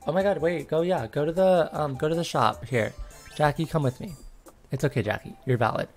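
Faint music sits behind this woman in her twenties as she plays a game on a livestream, chatting in a bubbly, giggly way with plenty of little cheers. Her low-pitched voice moves fairly quickly and has a slightly mellow quality.

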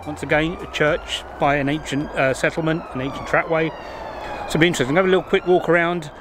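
An English vlogger in his fifties walks outdoors by a country churchyard near a motorway, chatting, rambling, and pausing to muse while holding the camera at arm's length. His voice is fairly high with little pitch movement, heard over music and loud traffic noise.

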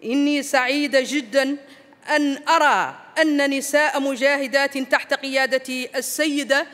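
A woman's voice: high voice, a bit bright. A middle-aged woman from Mauritania, a former parliamentarian, giving an emphatic formal speech from notes at a lectern in a large banquet hall. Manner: emphatic, rousing oratory. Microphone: lectern microphones. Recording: reverberant hall.

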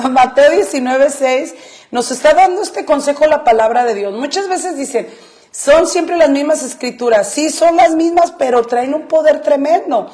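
A woman's voice: high voice, a little slow, darkish tone. Emphatic woman explaining scripture. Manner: drops English fillers into speech. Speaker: radio co-host. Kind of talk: faith-based marriage advice chat.

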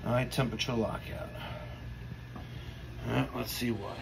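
A man in his forties with a New York accent, a plumber filming himself on a phone in a basement. His voice sits at a middle pitch and he talks to viewers in an animated, hyped way. A faint hum runs behind him. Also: measured pace, vocal fry. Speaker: plumber and heating technician. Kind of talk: on-the-job vlog narration. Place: house basement boiler room. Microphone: phone camera at arm's length.

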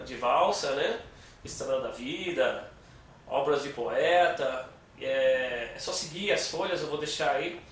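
A Brazilian guitar teacher runs a laid-back lesson, patiently explaining and counting the beats out loud. His voice is fairly high and a bit bright, and the recording has a little hiss or hum, room echo, a distant mic, and guitar playing.

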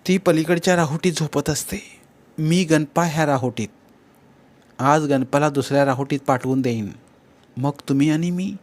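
A man voicing a playful young female dancer who teases and scolds in a high, lively voice. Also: moderate pace, pauses often, lightly acted. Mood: intimate.

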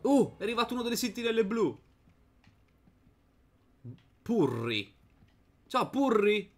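A young man giving casual let's-play commentary as host of a gaming channel, chatting to his viewers and to the game's characters, and breaking into high shouts in fights. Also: unhurried. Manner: excitable, bursts into high shouts during fights.

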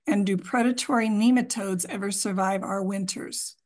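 Woman moderator reading questions off-mic, slow and measured. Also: mid-range voice, steady tone, darkish tone. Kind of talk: reading audience questions aloud.

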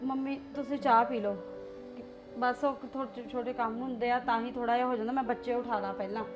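Woman acting as middle-aged mother, pleading, placating, fairly high voice, faint music. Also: steady tone, quick pace, close to an everyday voice. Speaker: mother and daughter-in-law. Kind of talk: web-series family drama acting.

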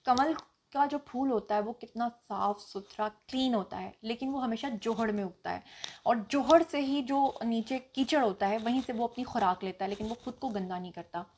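A woman's voice: on the high side, moderate pace, a little mellow, a little hiss or hum. A woman vlogger with a Pakistani accent, a native Punjabi speaker, answering viewer comments in a casual Q&A, assertive and emphatic. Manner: assertive, emphatic, self-assured. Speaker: vlogger host.

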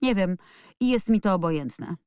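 A woman's voice: medium pitch, expressive, normal speed, a little mellow, clear, resonant tone, no room sound, clean studio sound, natural voice. A woman voicing a strong young nurse who speaks in a mocking, indifferent way in a storybook reading. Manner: mocking, giggling tone.

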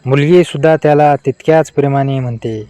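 A man reading out a string of short adult jokes in a flat delivery. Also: mid-range voice, a little fast, smooth, no echo. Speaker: joke narrator.

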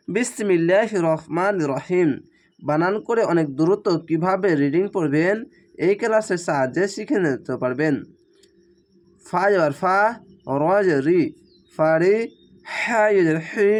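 A man teaching Quran reading, spelling each letter and vowel aloud, then chanting the whole word slowly. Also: high voice.

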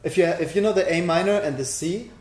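Relaxed male host in an echoey room. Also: a little high, quick pace, over loud music. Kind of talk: casual interview. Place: bright living room with large window.

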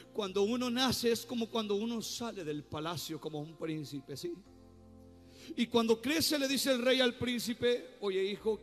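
A male pastor, preaching his testimony outdoors in the rain with fervent, sung and shouted phrases. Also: sits high. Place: outdoors in the rain at a bus terminal. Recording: faint music behind.

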